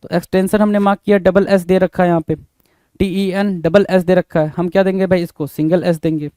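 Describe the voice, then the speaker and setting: A man's voice: high voice, little pitch movement, warm tone, clean tone, dry recording. A male teacher spells words letter by letter, repeating each one and marking the correct answer as he calls out to his students. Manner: brisk, addresses students as "bhai". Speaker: English teacher.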